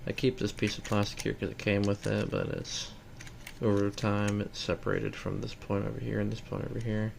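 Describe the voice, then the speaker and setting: A man with a lowish, gravelly voice casually walks through equipment he's selling, speaking plainly and matter-of-factly at a moderate pace. The home-video recording is noisy.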